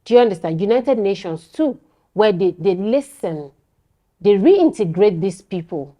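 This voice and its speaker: A woman's voice: mid-range voice, lively intonation, moderate pace, mellow, lo-fi sound. A woman guest on a talk show giving earnest advice, often checking that listeners understand. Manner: earnest, advising, asks "do you understand?". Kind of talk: casual studio chat.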